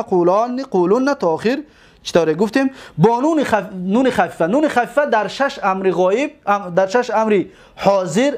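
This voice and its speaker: A man with a Tajik accent teaching an Arabic grammar class, slowly drilling verb forms and checking whether his students follow. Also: sits high. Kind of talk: classroom lesson.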